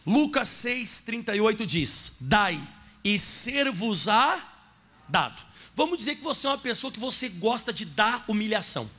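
A man's voice: very high voice, animated, brisk, hardly any pauses, fairly bright tone. A man preaching a sermon as pastor, telling a story and speaking directly to his congregation.

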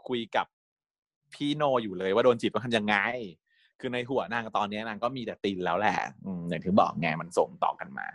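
A man's voice: fairly low pitch, brisk, no room sound, studio quality. A man retelling a series in casual, chatty talk, laughing and acting out scenes. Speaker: series recap host.

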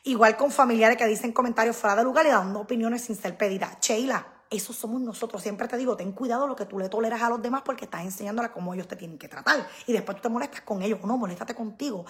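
A middle-aged woman, talking casually and emphatically to her viewers, often repeating herself. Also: fairly high pitch. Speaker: vlogger. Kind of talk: casual live-stream talk to viewers.

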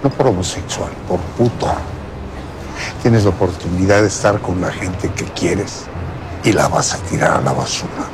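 A man's voice: deep voice, moderate pace, noisy background, lightly acted. An actor playing a cursing 90-year-old Mexican man. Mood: scornful. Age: 90s. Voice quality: gruff, scolding, swearing. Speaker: old man in a film scene. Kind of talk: film drama acting.

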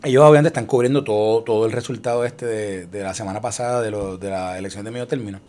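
A man's voice: fairly low pitch, fast, background noise. Man telling a political story on radio. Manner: storytelling, acts out quoted voices. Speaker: radio co-host. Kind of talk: casual political chat.

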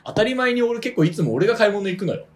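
A man's voice: high-pitched, very animated, fast talker, slight background noise. A man co-hosting a podcast, telling stories in a chatty, laughing way. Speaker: podcast co-host. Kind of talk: casual podcast chat.

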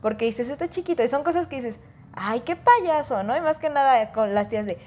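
A woman's voice: high-pitched, brisk. A woman in casual conversation, talking about raising children and acting out the voices of kids and parents. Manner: animated, acts out quoted voices.

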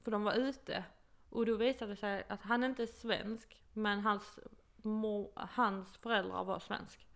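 A woman from Sweden in her twenties talks in a relaxed, chatty way. Her voice has a gravelly edge. She tells a story with lively quoted lines and laughs along as she goes. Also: mid-range voice, few pauses. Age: 20s. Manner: animated storytelling, acting out quotes, laughs often. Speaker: podcast co-host telling an au pair story. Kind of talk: casual chat.

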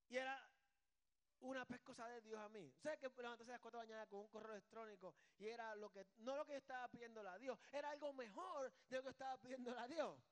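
High-voiced man preaching a sermon. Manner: conversational and joking, swings between soft asides and loud emphatic bursts. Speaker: pastor.

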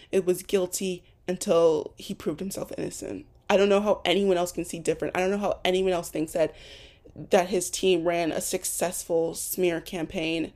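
On her home-recorded audio podcast, a young woman delivers an unscripted solo monologue while beginning to lose her voice. The voice is fairly low and a little mellow, and her talk is rambling, full of restarts and ums.

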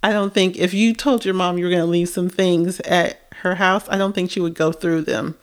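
A woman's voice: fairly low pitch, steady tone, moderate pace, clear, resonant tone. A woman co-hosting a casual chat, rambling and thinking aloud with lots of fillers. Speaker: podcast co-host.

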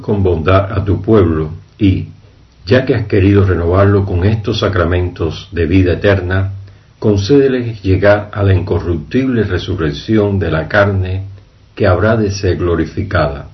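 A man with a very low voice leads Mass as a priest, praying in solemn, measured phrases. The sound is muffled and low-fidelity, like a livestream. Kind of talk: liturgical prayer at Mass.

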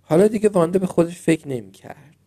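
A man reading a children's fairy tale aloud, gentle and expressive. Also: high-pitched. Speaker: storyteller.

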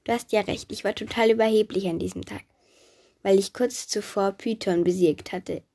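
A woman narrating a children's myth in first person, lively and chatty, speaking directly to the listener. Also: mid-range voice, moderate pace, gravelly. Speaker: storyteller.

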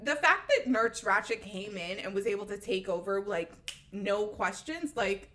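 A woman's voice: mid-range voice, lively intonation, normal speed, a bit bright. A young woman co-hosting a podcast, chatting casually with lots of fillers and frequent laughter. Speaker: podcast co-host. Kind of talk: casual chat.

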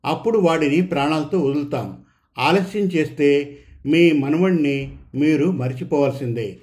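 A man's voice: fairly high pitch, normal speed, a little mellow, close to an everyday voice. A man voicing a menacing male kidnapper who makes cold demands over a phone call in a read story. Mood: threatening.

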